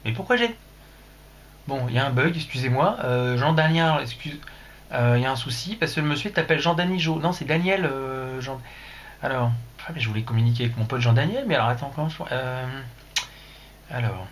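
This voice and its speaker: A man's voice: mid-range voice, brisk. A man hosting a casual livestream, rambling and joking crudely, talking into a computer mic. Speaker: livestream host.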